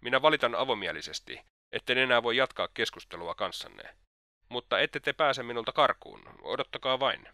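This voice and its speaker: A man's voice: mid-range voice, expressive, bright, forceful tone, no echo, clean studio sound. A man voicing Svidrigailov, a sly, mocking old libertine who is slightly drunk.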